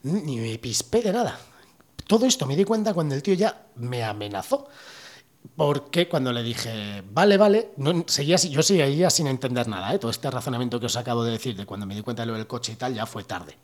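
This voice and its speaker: A young man with a Spanish accent from Spain, hosting a casual monologue and telling a personal story, full of fillers and slang, who acts out quoted dialogue with sudden jumps in pitch. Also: lively intonation, brisk. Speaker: podcast host.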